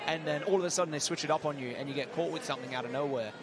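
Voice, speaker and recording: A man's voice: fairly high pitch, very fast. A man giving conversational analysis as co-commentator at a live fight. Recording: loud crowd and venue noise.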